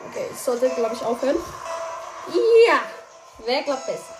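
A woman giving excitable live commentary on her own gameplay, crying out at goals and misses and chatting to her listeners. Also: on the high side, normal speed, over music. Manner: excitable, shouts and cries out at plays, chatty asides to listeners. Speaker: gaming streamer. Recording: echoey room with background noise.

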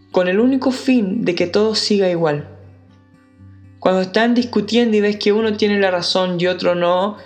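A preacher delivers a sermon at an unhurried, measured pace, pressing hard on key phrases and repeating them for weight. The voice sits at an ordinary middle pitch. A gentle guitar plays quietly in the background. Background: soft guitar music.

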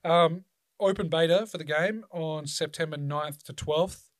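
A man's voice: fairly high pitch, measured pace, no room sound, clean studio sound. An Australian man hosting a casual chat, rambling loosely and swearing freely.

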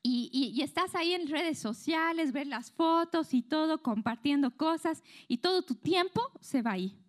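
A young woman preaches to a youth group in a high, light voice. She talks in a conversational way, often checking in with her listeners and acting out what people say to themselves. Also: expressive, normal speed. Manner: conversational, asks the audience questions, acts out inner voices. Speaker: youth speaker. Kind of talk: youth sermon to a live group.

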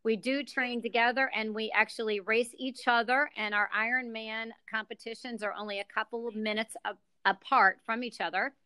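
A middle-aged woman from the United States speaks as a podcast guest, with a bright, forceful tone and a smooth, crisp voice. She explains things carefully and stays upbeat, and the sound is dry and close. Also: fairly high pitch, fairly even intonation, moderate pace, few pauses, no room sound. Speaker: guest, executive director. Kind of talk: podcast interview.

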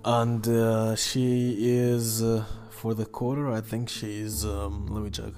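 A man hosting a casual solo sports betting podcast in halting, hesitant speech, often stopping and repeating himself. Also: on the low side, flat delivery, a little mellow, faint music behind. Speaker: podcast host.

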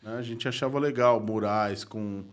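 A Brazilian graffiti artist, appearing as a guest, tells stories in casual chat at a moderate pace with a lowish voice. He's slangy, laughs often and sometimes drops to a mutter.

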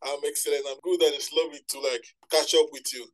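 A man hosts a casual podcast-style interview. He rambles and repeats himself in a friendly way, and his voice sits a little high for a man. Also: fairly even intonation, fast, poor audio. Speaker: interview host.

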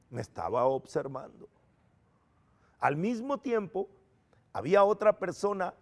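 Earnest middle-aged man telling his testimony. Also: fairly high pitch. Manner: earnest, animated storytelling with quoted dialogue. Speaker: preacher giving testimony. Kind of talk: personal testimony.

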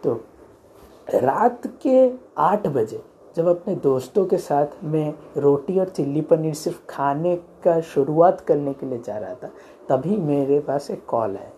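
A man's voice: fairly high pitch, expressive, takes it slowly, warm tone, a little hiss or hum. A young man rambling through a comic story in a chatty vlog style, often stopping to correct himself. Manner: rambling, chatty, mixes in English phrases and many self-corrections.

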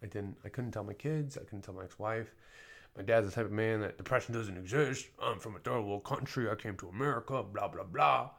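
A man talking in a casual personal monologue as a podcast host, often swearing and full of fillers, dropping to soft mumbles and then rising to loud emphatic bursts. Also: lowish voice, fairly quick, gravelly. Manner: frequent swearing and filler talk.

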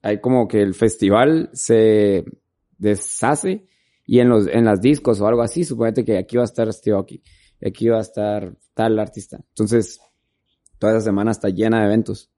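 A man's voice: fairly low pitch, normal speed, mellow. A man, a videographer, chatting casually in an interview and rambling through stories with lots of filler words. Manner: rambling storytelling, filler-heavy. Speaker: videographer guest.

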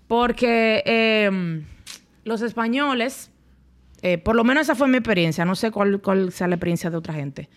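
A woman's voice: mid-range voice, lively intonation, moderate pace. A young Dominican woman speaking as a podcast guest, telling her story bluntly in casual, colloquial speech. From Dominican Republic. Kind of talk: candid conversational storytelling.

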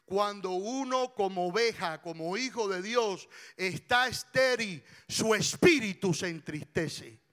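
A man preaching a passionate sermon as pastor, rising to shouts and drawing his words out slowly. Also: high-pitched, lively intonation.

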